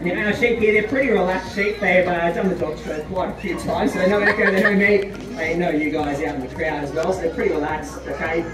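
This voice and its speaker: A young farm dog handler gives a chatty live demonstration to a crowd in an outdoor paddock, often asking "all right?". His voice sits high, brisk with fairly even intonation, picked up by a distant handheld camera amid echo, loud music and crowd noise.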